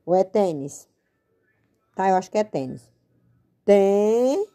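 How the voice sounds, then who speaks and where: A woman's voice: lowish voice, normal speed, dark tone. A Brazilian woman teaching a patient spelling lesson at a board, spelling out and stretching words. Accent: Brazilian Portuguese. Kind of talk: slow spoken-out lesson at a board.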